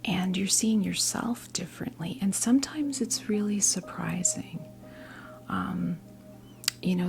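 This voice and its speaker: In a medium-pitched, breathy whisper, an American ASMR creator in her fifties from New Jersey role-plays a witch tarot reader. Her delivery is calming, conversational, and hesitant, set against soft background music.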